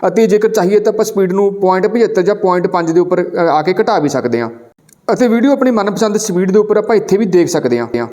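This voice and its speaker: A man narrates a screen tutorial step by step. His voice sits high and his delivery runs quick. He keeps a steady, instructive tone and speaks to viewers as friends. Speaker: channel host explaining phone settings.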